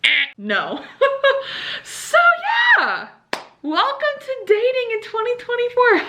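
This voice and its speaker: A young woman chatting casually to her camera as a book vlogger, giggly and animated as she tells stories. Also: on the high side.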